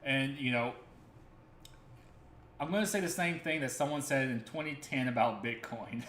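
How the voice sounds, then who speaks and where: A crypto stream host talks earnestly and rambles during a casual livestream, circling back with fillers and self-corrections. His mid-range, slightly bright voice moves at normal speed and rings in an echoey room over a faint ambient hum.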